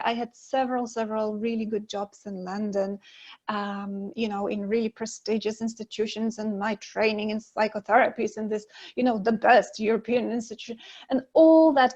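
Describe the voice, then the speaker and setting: A woman in her forties, born in Poland, speaks in a fairly high, darkish voice as a guest relationship expert in a casual video-call interview. She's open and talkative, with frequent laughter and fillers. Recorded from her living room on an earphone mic, it sounds muffled.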